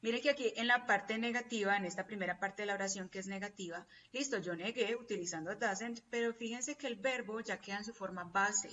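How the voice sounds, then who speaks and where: In a classroom lecture, a woman teaches English, patiently explaining, repeating examples and often checking that her students follow. Her medium-pitched, fairly bright voice moves a little fast with hardly any pauses. The audio is distant, dull and lo-fi.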